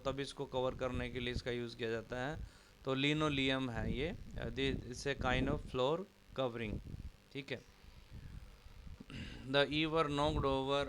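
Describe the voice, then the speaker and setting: A man who teaches English, reading textbook lines slowly and explaining each word's meaning. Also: medium pitch, fairly bright tone, a little hiss or hum. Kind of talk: line-by-line textbook explanation mixing Hindi and English.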